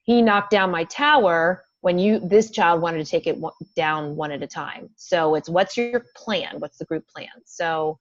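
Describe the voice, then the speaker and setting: A woman's voice: low voice, unhurried, few pauses, dull audio. A woman, a special education teacher, chatting as a podcast guest and acting out the things she says to children in class. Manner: animated, acts out classroom phrases. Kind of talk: casual interview chat.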